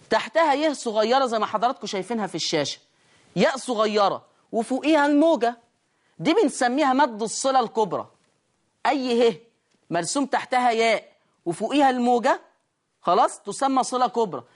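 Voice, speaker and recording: A woman's voice: a little high, lively intonation, a little fast. Egyptian woman teaching Quran recitation rules. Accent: Egyptian Arabic. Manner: explains step by step, asks and answers her own questions. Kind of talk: tajweed lesson on screen. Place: studio lesson with a control room.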